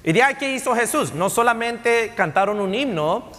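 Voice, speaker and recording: A man's voice: very high voice, expressive, normal speed, bright, forceful tone. A middle-aged man preaching a bilingual sermon, switching between Spanish and English and often adding tag questions. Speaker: pastor. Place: church sanctuary. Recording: long church hall reverb.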